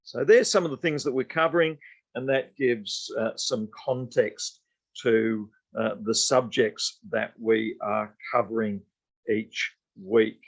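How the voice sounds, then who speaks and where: Male lecturer, mid-pitched, unscripted class talk full of fillers and restarts. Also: fairly even intonation, slow, poor audio. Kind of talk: college lecture.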